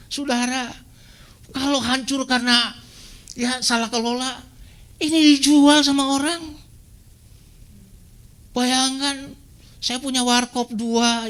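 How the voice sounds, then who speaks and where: A man preaching a sermon in a church, telling his own testimony, swinging between loud exhortation and hushed, tearful confession. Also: extremely high pitch. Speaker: guest preacher. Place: church sanctuary.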